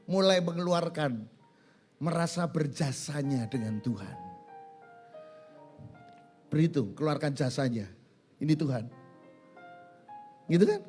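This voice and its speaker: A male pastor preaching a sermon in a church, animated, asking the congregation questions and answering them himself. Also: fairly high pitch, a little slow, long pauses, soft background music.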